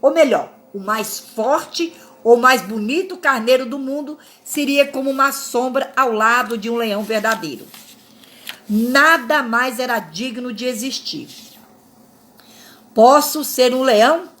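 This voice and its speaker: Calm woman reading a fable. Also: a little high, slight background noise. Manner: calm, measured reading with small slips and self-corrections. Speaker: narrator. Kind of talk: reading a spiritual fable aloud.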